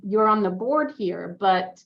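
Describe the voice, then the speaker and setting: A woman hosting a podcast interview, upbeat and encouraging, reacting quickly to her guests. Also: mid-range voice, gravelly, highs cut off. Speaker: podcast host. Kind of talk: casual interview chat.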